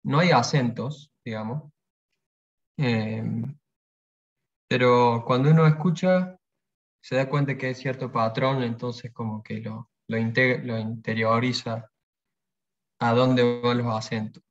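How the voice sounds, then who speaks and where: A man leads a pronunciation workshop. He talks in a calm, explanatory way and says each example word twice. His voice sits at a middle pitch, and the recording sounds muffled and lo-fi. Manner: patient, explanatory, pauses to repeat example words. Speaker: language workshop teacher. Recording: dull lo-fi sound.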